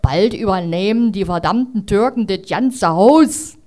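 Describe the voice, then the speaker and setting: A woman voicing a grumbling, prejudiced old neighbor woman in a story she reads aloud, gruff, muttering and suspicious. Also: mid-range voice, unhurried, mellow, lightly acted.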